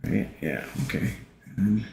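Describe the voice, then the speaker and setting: A man's voice: fairly low pitch, lively intonation, unhurried, vocal fry, darkish tone. A man casually thinking aloud while he sketches, musing and hesitant as he talks to himself. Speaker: artist streaming a drawing session. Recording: roomy echo with faint noise.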